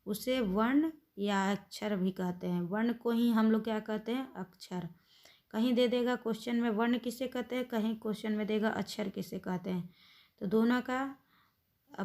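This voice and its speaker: A woman's voice: a little high, darkish tone. A woman teaching young children in an online lesson, patiently spelling out letters one by one. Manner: slow, patient, recites letters aloud one by one.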